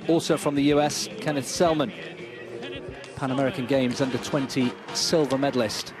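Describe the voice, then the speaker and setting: A man giving live play-by-play commentary on an athletics race, introducing the runners, then rising to excited shouts during the race. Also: mid-range voice, normal speed, music in the background.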